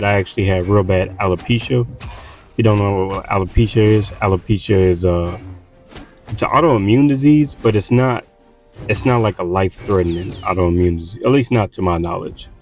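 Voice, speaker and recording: A man's voice: on the low side, darkish tone. Tired Southern man rambling over gameplay. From Texas, US. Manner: tired, meandering, many fillers and restarts. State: tired from little sleep. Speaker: gaming streamer. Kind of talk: rambling casual chat while gaming.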